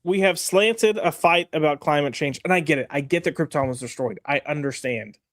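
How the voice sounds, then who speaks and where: A man's voice: on the high side, fairly quick, fairly bright tone, no room sound, studio quality. A man co-hosting a casual comic review chat, frank and exasperated, rambling with fillers.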